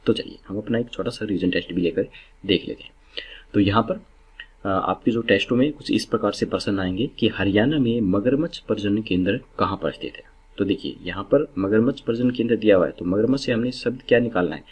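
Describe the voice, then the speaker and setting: A man's voice: lowish voice, brisk, darkish tone, breathy edge. A man teaching exam memory tricks, explaining step by step and repeating key words to drill them in.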